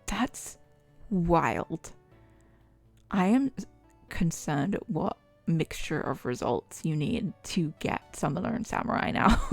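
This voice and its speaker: A woman's voice: lowish voice, gravelly, darkish tone. A young woman streaming, chatting casually and reading quiz answers aloud with dramatic flair. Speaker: VTuber streamer. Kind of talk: casual chat.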